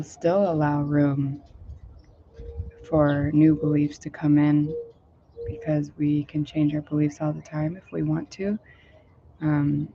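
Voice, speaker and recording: Recorded outdoors on dull, lo-fi audio with faint background noise, a woman meditation teacher talks her listeners through a guided meditation. She rambles gently and uses many fillers. Her voice comes out a little hoarse and low today, mellow and rather flat.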